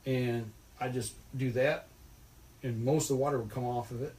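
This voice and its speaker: A man's voice: medium pitch, moderate pace. A man telling a rambling, folksy story about a fishing trip in casual podcast chat. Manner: rambling, folksy, animated retelling.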